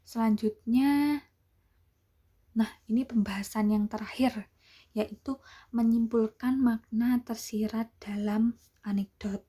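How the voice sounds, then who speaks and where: Young female teacher, husky, patient step-by-step explainer, online lesson, lots of pauses. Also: a little high, fairly even intonation, warm tone. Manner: explanatory, with many pauses and "eh" fillers. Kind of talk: online class lecture.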